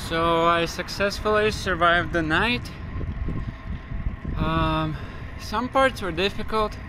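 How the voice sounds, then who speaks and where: Cyclist, young, self-filmed vlog outdoors; slow, halting talk, lots of ums, noisy roadside sound. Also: male voice, on the high side. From Latvia. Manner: halting, with many fillers. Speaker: cyclist filming himself. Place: outdoors on the road. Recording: outdoor road and wind noise.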